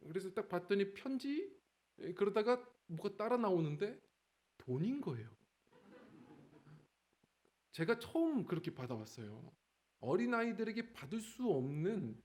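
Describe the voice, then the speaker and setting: Lively conversational Korean pastor preaching. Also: male voice, high voice. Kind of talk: sermon. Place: church sanctuary.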